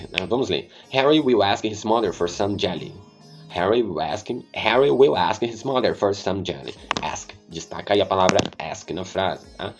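A man teaching an English pronunciation lesson, patiently repeating words slowly and checking in with his students. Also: on the low side, highs cut off.

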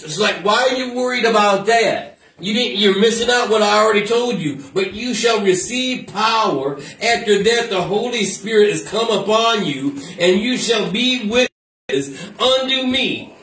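In a church, a man pastoring an informal sermon repeats phrases and drifts into asides. His voice sits high and is a bit bright, picked up from afar by a mic in an echoey room.

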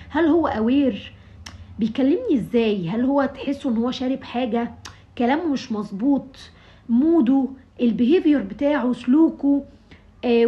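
A woman's voice: sits high, dull audio. A young woman with an Egyptian Arabic accent explaining a physiotherapy study sheet, mixing English medical terms into her talk with frequent fillers. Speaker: physiotherapy tutor.

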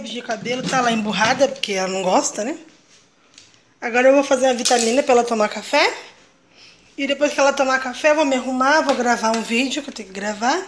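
Chatty young mom vlogging at home. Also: female voice, sits high, noisy background. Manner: chatty, narrates chores to viewers. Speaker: vlogger and mother. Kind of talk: casual home vlog to viewers.

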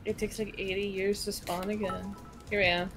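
A woman's voice: medium pitch, flat delivery, normal speed, music in the background. A woman playing along on a gaming stream, chatty and full of filler words. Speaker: co-player on a stream. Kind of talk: casual gaming stream chat.

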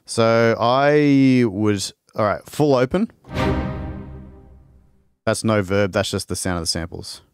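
Man, low voice, dry close sound, faint music behind; loose, rambling live demo of music software. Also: lively intonation, a little slow, pauses often, no room sound. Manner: loose and rambling, with restarts while working. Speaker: music producer demonstrating a sample library. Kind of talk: casual live-stream demo.

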